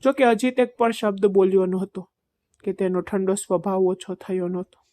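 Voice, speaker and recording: A woman giving a scripted narration of an emotional family story in a soft, even storytelling delivery. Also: mid-range voice, normal speed.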